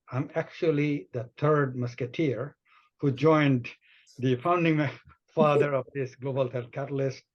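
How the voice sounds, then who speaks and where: A man from Bangladesh, a medical physicist, introducing himself haltingly with many you-knows. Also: medium pitch, dull audio. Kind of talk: panel conversation.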